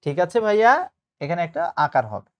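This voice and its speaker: A man's voice: on the high side, very animated, fairly quick. Man tutoring on pronunciation. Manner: patient, explanatory, mixing English words. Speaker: admission test tutor. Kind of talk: casual spoken lesson.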